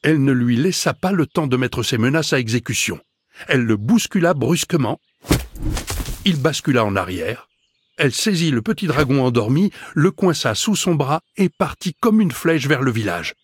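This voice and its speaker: A man narrating a children's fantasy audiobook in a measured, expressive way. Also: mid-range voice, breathy edge.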